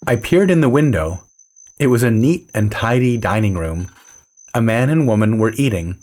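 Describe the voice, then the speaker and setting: A man narrating a story in the first person, with a dry, measured, low-key delivery. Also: expressive, darkish tone.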